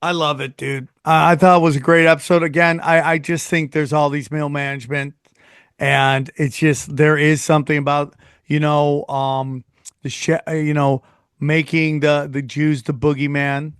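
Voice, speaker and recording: A man's voice: a little high, flat delivery, normal speed, a bit bright, smooth, no echo, studio quality. A man hosting a casual podcast, talking in a loose, rambling way and plugging his live shows. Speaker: podcast host.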